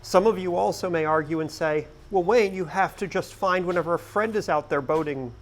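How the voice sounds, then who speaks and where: Fairly quick and high-pitched, this man hosts a boating video, chatting casually to the camera in vlog style. Outdoor noise fills the background.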